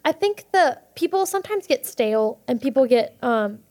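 A young woman chatting as a podcast guest, bubbly and quick, with many fillers and restarts. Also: sits high, animated, darkish tone. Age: young adult. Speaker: guest actor. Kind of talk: casual podcast chat.

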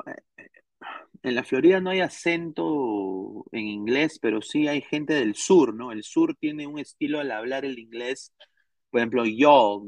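A man's voice: medium pitch, no echo. A man in his thirties with a Peruvian accent, chatting casually on a podcast stream, rambling with many restarts and slang. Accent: Peruvian Spanish. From Peru. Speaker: podcast host. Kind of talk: casual live-stream chat.

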